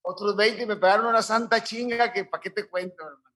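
High, bright-voiced Mexican man telling stories. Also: fairly even intonation, fairly quick. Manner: coarse slangy speech with many restarts. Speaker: guest. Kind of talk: casual interview storytelling.

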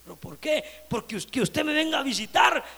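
A man preaching a sermon as pastor, dropping to quiet murmurs and rising to loud shouts. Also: very high voice, animated, a little fast, gravelly, big-room sound. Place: church.

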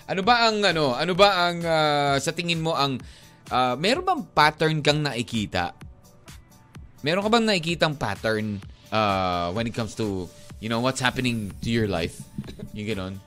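A man's voice: medium pitch, lively intonation, normal speed, a bit bright. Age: adult. Sex: man. Role: rambling radio DJ with faint music. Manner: rambling, mixes Tagalog and English, chuckles often. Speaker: radio DJ and co-host. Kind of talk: casual radio banter. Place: radio studio.

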